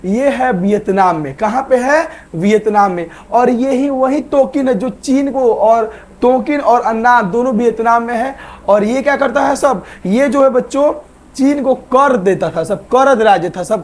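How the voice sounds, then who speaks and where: A man's voice: extremely high pitch, a little mellow. A man teaching an online exam-prep history lesson, who keeps asking questions and answering them himself. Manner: asks viewers to like and subscribe.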